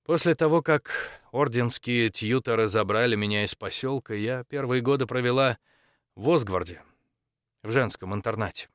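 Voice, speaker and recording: A man voicing a composed, patient female church dean in an audiobook, speaking in a measured and polite way. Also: medium pitch, fairly bright tone, no echo, studio quality, close to an everyday voice. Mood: calm.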